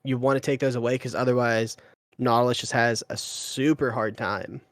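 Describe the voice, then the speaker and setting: A man calling a live esports draft play-by-play, chatty and teasing as he banters with his co-caster. He often pauses on an "uh". The sound is close and dry, with no room around it. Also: mid-range voice, level tone, no room sound.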